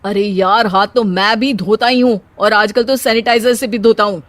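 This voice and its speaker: An actor playing a wisecracking, exasperated young husband in a family comedy story, with a teasing, sarcastic manner. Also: male voice, high-pitched, steady tone, normal speed, fairly bright tone, no echo.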